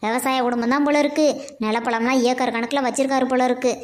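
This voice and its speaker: A woman's voice: sits high, fairly even intonation, quick pace, voice pushed down, lightly acted. A woman voicing a scheming, pushy female marriage broker in a cartoon, with a wheedling manner, recorded with a roomy echo. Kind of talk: cartoon voice acting.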